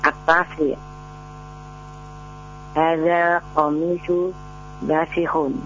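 A woman calls in to a radio lesson and recites her answers slowly, stopping and restarting. Her voice is bright and held to a flat tone. The line is dull and carries a faint hum. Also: low-pitched. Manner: reads answers slowly, halting. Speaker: caller, student.

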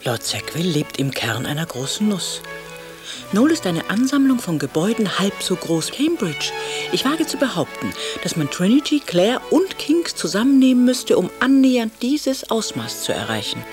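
An actress playing a witty woman novelist, reading her letters in a dry, ironic, softly spoken voice over faint music. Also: medium pitch, big pitch swings, moderate pace, natural voice. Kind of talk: radio drama reading of letters.

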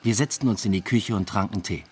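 A man with a lowish, slightly mellow, husky voice speaks a little fast. He's an actor in a radio drama, both narrator and lead, playing a reserved young man who recounts a new love affair in first person. His delivery is understated, matter-of-fact and reflective.

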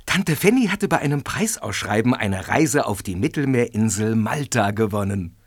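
Animated male audio drama narrator. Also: on the low side, moderate pace, slightly rough, dry recording, studio quality.

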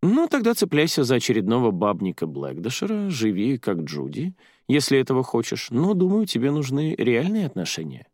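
A man's voice: medium pitch, huge pitch swings, a little fast, a little mellow, no room sound, studio quality, pitched above the performer's own voice. A man reading the mocking, lecturing inner voice of a young woman in an audiobook.

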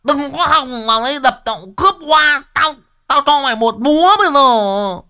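A man's voice: very high-pitched, moderate pace, pushed and bright, voice pushed up, heavily acted. A man voicing a furious jealous woman who screams curses while swinging a hammer, in a storytelling reading. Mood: furious screeching. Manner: screeching, furious, cursing.

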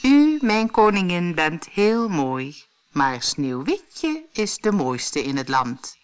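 Solemn, slow-spoken magic mirror, done by a woman. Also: lowish voice, big pitch swings.

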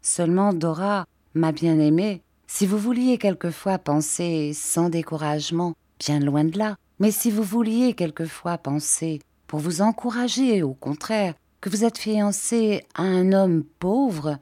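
Woman reading an earnest young man in love, gentle, coaxing, low mellow voice. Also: a little slow, hardly any pauses, no echo, studio quality. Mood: tender.

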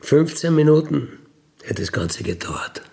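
Recounting his life story, an Austrian-accented ex-convict, middle-aged or older, talks in a frank, colloquial, matter-of-fact way without apology. His slightly high voice is creaky with a darkish tone, very animated yet unhurried. It plays as a candid conversational recollection.

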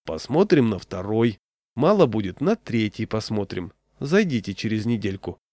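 A man's voice: on the low side, big pitch swings, normal speed, a little mellow, no echo. A man voicing a suspicious, smug official who drawls with mock surprise, recorded dry and close. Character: suspicious bureaucrat, smug and sly.

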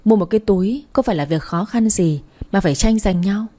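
A woman narrating a first-person story aloud, in a brisk, plain storytelling manner. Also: mid-range voice, warm tone.

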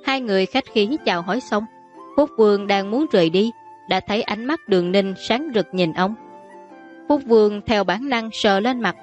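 A woman narrating a story in a steady, even manner. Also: medium pitch. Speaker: audiobook narrator. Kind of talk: scripted narration.

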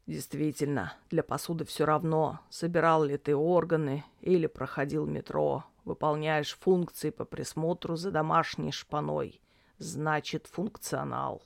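A narrator reading an audiobook in a measured storytelling manner. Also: medium pitch, steady tone, gravelly, no echo, clean studio sound.

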